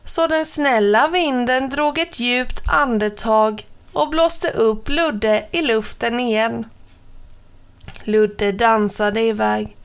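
A woman narrating a children's story in a gentle, expressive way. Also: fairly high pitch, clean tone.

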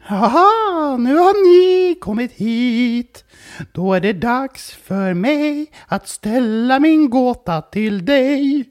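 A bearded riddle-keeper from a children's story who can only speak in song, as a narrator puts it on, stretching every word into a high, lilting melody. The tune rises and falls widely and never hurries. Soft music hums faintly underneath. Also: expressive. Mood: sing-song. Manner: sings every line, drawn out slowly. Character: sleepy bearded riddle-setter who sings all speech.

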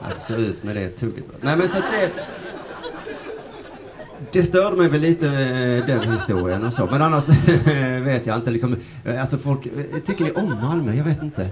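A man's voice: mid-range voice, expressive, pauses often. A man in his forties doing a stand-up comedy set on stage, rambling loosely, swearing and slipping into mock voices. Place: comedy stage before a laughing audience. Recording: live crowd laughter behind.

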